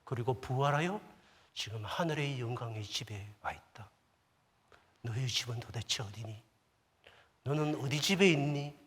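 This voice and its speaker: A male pastor voicing the Lord as a gentle inner voice, soft and sometimes whispered, in a sermon. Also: medium pitch, animated, moderate pace, pauses often, slightly rough. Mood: tender. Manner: soft, hushed, at times whispered. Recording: long church hall reverb.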